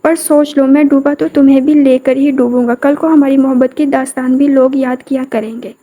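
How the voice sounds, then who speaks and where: A woman's voice: high-pitched, steady tone, warm tone, close to an everyday voice. A woman reading the lines of a rude, domineering young husband in a scripted audio novel, in a mocking, commanding way.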